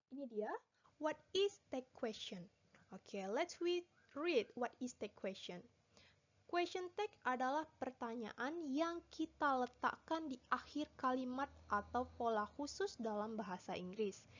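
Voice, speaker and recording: A woman teacher with an Indonesian accent giving a recorded English lesson, switching between Indonesian and English as she explains step by step. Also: on the high side. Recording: dull lo-fi sound.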